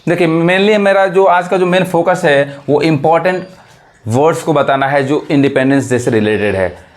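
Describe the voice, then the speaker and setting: A man's voice: a little high, normal speed. A man with an Indian accent teaching English vocabulary, repeating each word and asking rhetorical questions as he explains. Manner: repeats words and asks the class rhetorical questions. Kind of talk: explaining vocabulary to Hindi-speaking learners.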